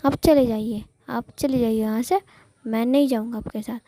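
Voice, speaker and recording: A woman's voice: on the high side, steady tone, moderate pace, mellow, dry recording. A woman voicing a melodramatic, tipsy young man who whines and repeats himself in self-pity, inside a told story. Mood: defiant. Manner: whining, repetitive, self-pitying. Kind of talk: storytelling with voiced characters.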